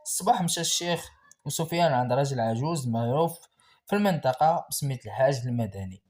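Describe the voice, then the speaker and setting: A man's voice: medium pitch, animated, quick pace, darkish tone. A man with a Moroccan accent narrating a horror story in a dramatic, suspenseful way.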